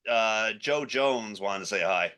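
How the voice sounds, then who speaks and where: A male interviewer with a low but bright, forward voice. He asks his questions and reacts with open, eager enthusiasm. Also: slow, clear, resonant tone.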